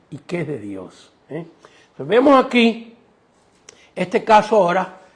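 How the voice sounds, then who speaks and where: A male pastor delivers an emphatic sermon and keeps turning to the congregation with rhetorical questions. His voice sits high for a man and has a rough, gravelly edge.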